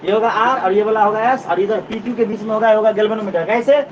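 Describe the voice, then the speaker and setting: A man's voice: high voice, steady tone, brisk. A man teaching physics. He explains step by step, repeats key points and checks that his students follow. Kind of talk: classroom lecture. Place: classroom. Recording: distant, dull, noisy classroom recording.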